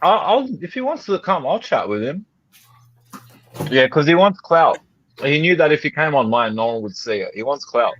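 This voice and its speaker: A man's voice: a little high, sing-song, normal speed, fairly bright tone. A man who is a YouTuber chatting casually on a live stream, joking and laughing as he eats. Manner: joking, laughs often, talks while eating. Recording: slightly dull call audio, faint noise.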